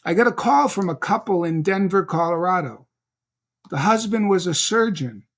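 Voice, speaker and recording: A man in his fifties with a notably high voice tells a story in a casual conversation. He tells it with animation, slipping into the voices of the people he quotes. He speaks as a guest with a coaching background. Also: normal speed. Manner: animated anecdote-telling, mimicking voices in quotes. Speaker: guest real estate coach.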